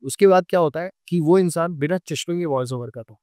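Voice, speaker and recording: A young man with a Delhi Hindi accent telling a true ghost story on a podcast, animated and acting out the scenes. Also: on the high side, fast talker, no echo, studio quality. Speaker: podcast guest.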